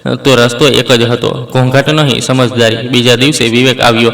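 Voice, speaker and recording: Casting: male narrator for a scripted family story, steady delivery, echoey room recording. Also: medium pitch, vocal fry. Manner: steady, measured. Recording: roomy, distant mic.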